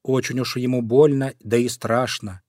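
A man narrating a children's story in an expressive, playful way. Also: medium pitch, moderate pace, dry recording, studio quality.

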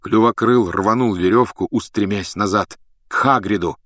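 A man's voice: lowish voice, normal speed, no room sound. Male audiobook narrator, dry and close. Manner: dramatic, lively reading.

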